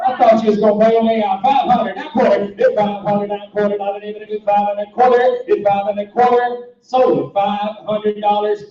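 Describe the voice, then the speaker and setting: High-pitched auctioneer man chanting bids. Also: steady tone, brisk, few pauses, mellow. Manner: rhythmic repeated numbers in a sing-song chant. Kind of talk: auctioneer's rapid bid-calling chant. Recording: echoey hall, distant mic, dull sound.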